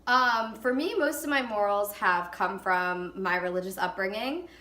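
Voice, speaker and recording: In an echoey room, a twenty-something woman gives reflective, hesitant interview answers packed with fillers and hedges. She speaks a little slowly in a mid-range voice that sounds pushed and bright.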